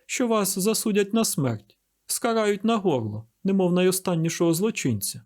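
A man's voice: sits high, big pitch swings, moderate pace, darkish tone, slightly rough, voice pushed up, full character voice. A man reading an audiobook, voicing a proud young woman who speaks coldly and with scorn.

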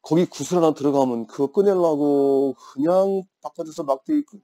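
A man's voice: fairly high pitch, normal speed, dark tone. A man in his fifties teaching an English grammar class, telling playful stories and teasing his students. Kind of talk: classroom lecture with chatty anecdotes.

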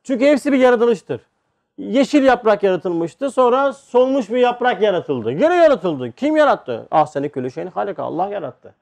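A man giving an informal religious lecture, talking to listeners like a brother and moving between quiet asides and emphatic points. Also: extremely high pitch, sing-song, normal speed, creaky. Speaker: religious teacher.

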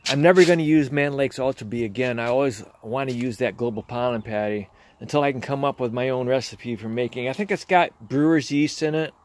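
A man with a mid-range, slightly mellow voice speaks fairly quickly, with hardly any pauses. Recording on a handheld phone in his garage, he casually shows his beehives and chats plainly about the work as he does it.

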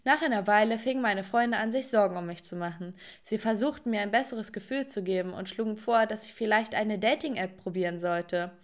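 A woman's voice: medium pitch, fairly quick, hardly any pauses. A young woman narrating a scripted first-person story and talking straight to viewers.

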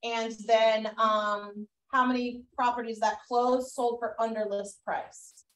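A woman with a Boston accent runs a real estate training class in a chatty, loose way, full of fillers and restarts. Her voice is fairly high, flat in intonation and slow, picked up by a far-off mic in an echoey room.

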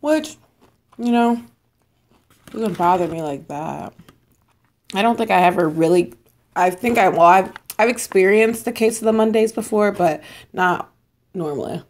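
A woman's voice: mid-range voice, unhurried, long pauses, darkish tone. A young woman vlogging from home in a casual eat-with-me chat, bubbly and chatty, talking between bites while losing her voice. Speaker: mukbang vlogger.

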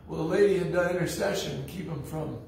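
A man's voice: on the high side, fast talker, vocal fry, a little mellow, slight background noise. A man preaching a sermon as pastor, telling stories in a blunt, folksy way. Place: church sanctuary. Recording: echoey church hall from far off.

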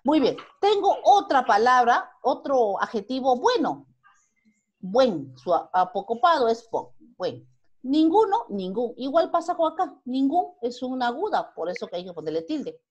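Animated Peruvian woman teaching grammar. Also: sits high, measured pace, slightly rough. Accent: Peruvian Spanish. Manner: asks questions and answers them herself. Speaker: primary school teacher. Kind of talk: online grammar lesson.

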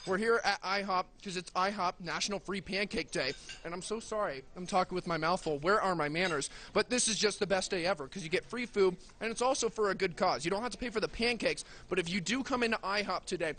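Playful high-voiced male field reporter. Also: fast talker, few pauses, a bit bright, slight background noise. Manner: playful, jokey, laughing. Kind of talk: upbeat live news report.

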